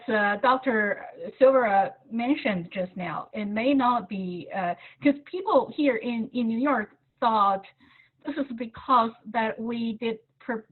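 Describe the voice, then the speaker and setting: A woman reporter asking a question at a press briefing over a video call, halting and searching for words. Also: on the high side. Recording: tinny phone-like video call line.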